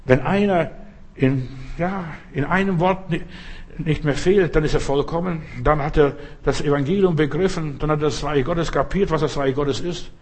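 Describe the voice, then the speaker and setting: A man delivers a provocative sermon in a loose, conversational way. His voice is husky and sits a little high. He keeps turning to the listener with direct questions. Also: moderate pace, darkish tone. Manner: conversational, provocative preaching, often asks "verstehst du?". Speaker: preacher.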